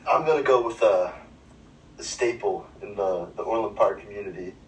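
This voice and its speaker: A man's voice: on the low side, moderate pace. A man co-hosting a casual podcast chat, teasing the others and laughing easily. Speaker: podcast co-host. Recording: roomy, distant mic, faint background hum.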